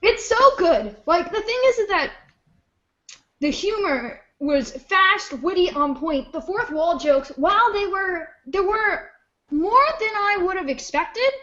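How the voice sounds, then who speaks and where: A young woman co-hosting a podcast in casual chat. Her voice sits high, and she talks in a quick, chatty way with plenty of jokes. The recording sounds dull and lo-fi. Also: animated, a bit bright. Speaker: podcast co-host.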